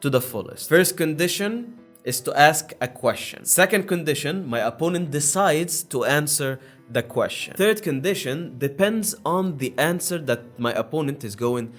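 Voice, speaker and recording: A man's voice: on the high side, animated, normal speed, soft background music. A young man hosting his own channel, explaining in a casual, rambling monologue with many fillers and restarts. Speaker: YouTube channel host.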